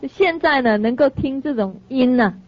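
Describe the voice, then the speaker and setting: A woman teaching a sermon through lively stories, often laughing and correcting herself. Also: high voice, normal speed. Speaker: dharma teacher. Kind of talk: storytelling sermon to an audience. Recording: dry, slightly dull lo-fi sound.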